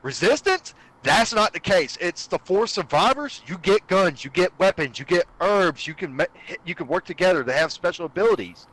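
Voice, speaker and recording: A man's voice: sits high, expressive, normal speed, hardly any pauses, fairly bright tone, rough recording. A man guesting on a casual podcast, talking eagerly and explaining things at length. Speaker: guest streamer.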